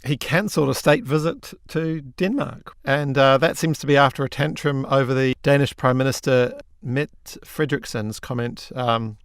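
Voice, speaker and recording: A man's voice: medium pitch, moderate pace, few pauses, smooth, no room sound, clean studio sound. A man co-hosting a comedy podcast, chatting casually, joking, laughing often and swearing now and then. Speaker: podcast co-host.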